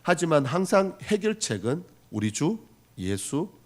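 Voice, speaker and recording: A male pastor from the region preaching a sermon, earnest and storytelling, moving from loud exhortation to soft asides. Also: fairly high pitch, big pitch swings, measured pace. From Gyeongsang region, Korea. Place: church sanctuary.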